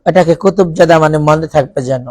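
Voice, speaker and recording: A man teaching Quran recitation in a college classroom with a Bangladeshi accent, reciting Arabic examples slowly and quizzing his students. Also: on the high side, a little mellow, dry recording, low-quality recording. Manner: slow, drawn-out recitation of Arabic words as examples; asks the class questions and has them repeat.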